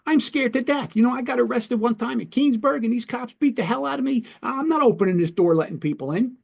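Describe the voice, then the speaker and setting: A man voicing an agitated, angry and scared man holed up behind a door, in a husky voice. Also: extremely high pitch, fairly quick, pitched above the performer's own voice, exaggerated voice. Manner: shouting in raised, upset outbursts.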